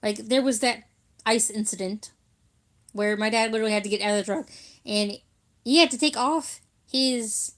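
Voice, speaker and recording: A young vlogger chats casually with her viewers, telling childhood stories full of giggles, laughter and filler words. Her voice is fairly high and a bit bright, at a normal speed.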